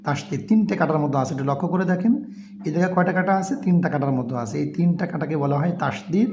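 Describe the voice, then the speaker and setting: Guy teaching quran letter by letter, slightly high voice, faint hiss in the back. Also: a little mellow. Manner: spells each letter and vowel aloud, then recites slowly. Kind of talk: step-by-step Quran reading lesson.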